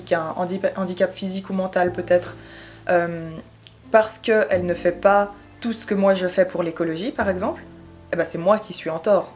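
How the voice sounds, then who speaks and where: A young woman from Switzerland, explaining her views in a casual vlog, pausing often with fillers. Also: mid-range voice, darkish tone. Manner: thoughtful, hesitant, many fillers. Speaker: YouTuber.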